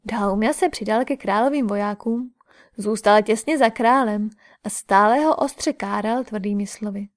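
A woman narrating an epic in calm, measured audiobook storytelling. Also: medium pitch.

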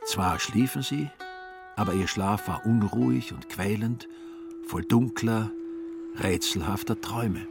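A man narrating a radio play in a calm, even-paced telling. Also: fairly low pitch, measured pace, gravelly, music in the background.

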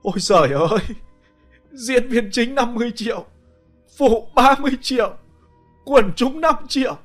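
Man voicing young village wife, sobbing, pleading, high-pitched, wildly rising and falling, audio ghost story. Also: big pitch swings, brisk, soft background music. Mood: wailing. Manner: wailing, pleading, high and strained.

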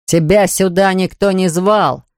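A hostile husband who snaps and then pleads in a spoken story, as the narrator plays him. His delivery is slow and forceful. The read is dry and close. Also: mid-range voice, steady tone, clear, resonant tone, dry recording, natural voice. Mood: furious. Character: hostile husband, angry and defensive man.

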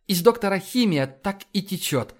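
A sharp-tongued woman officer who mocks everyone around her with cocky ease, pitched a little high. She comes from a spoken audiobook, voiced by a male narrator. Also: expressive, moderate pace. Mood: teasing. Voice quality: teasing, cocky.

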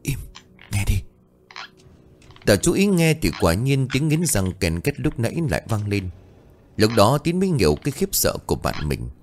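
A man's voice: fairly low pitch, wildly swooping pitch, brisk, slight background noise. A man narrating a scripted horror story in a dramatic, suspenseful way. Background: faint music.

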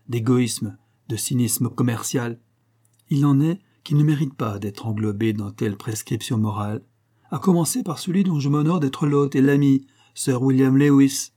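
Brief: man reading as a passionate young Frenchman, husky and mellow, pleading with rising questions. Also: mid-range voice, natural voice. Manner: fervent, rhetorical questioning.

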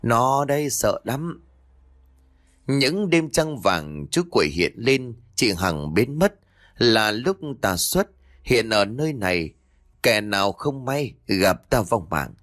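A man doing a crazed young mistress in a ghost story, possessed and speaking in a slow, creepy chant. Her threats come out low and drawn out, with the pitch wandering widely in a dry, close sound. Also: big pitch swings, fairly bright tone, no echo, heavily acted. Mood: eerie chanting. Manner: slow, eerie, menacing chant. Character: half-mad young mistress possessed, eerie woman.

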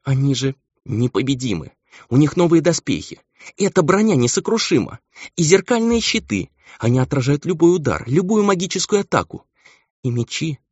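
A man's voice: medium pitch, big pitch swings, fairly quick, no echo, pitched above the performer's own voice. A man reading an audiobook, voicing a timid young male angel who pleads on the verge of tears. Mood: desperate. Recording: dull lo-fi audio.

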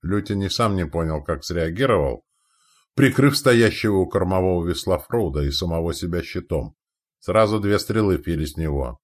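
Deep-voiced man narrating a historical adventure. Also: expressive, moderate pace. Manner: acts out each character's lines. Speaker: audiobook narrator.

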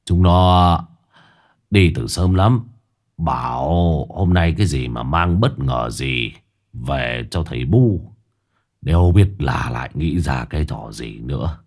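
A man voicing an old village husband, slow, deliberate and moralizing. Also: rumbling low, lively intonation, a little mellow, pitched below the performer's own voice, exaggerated voice. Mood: teasing.

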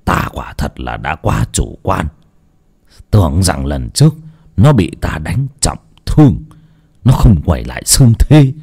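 A grave old exorcist master, as a male narrator voices him, speaks low and measured. The storybook figure stays calm and stern, with a lively lilt. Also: husky, full character voice.

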